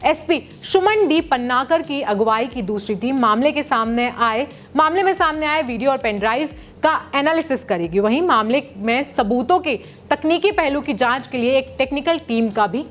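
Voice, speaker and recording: A woman with a high voice reads a news segment from a script. Her delivery is measured and formal, in the even manner of a news presenter.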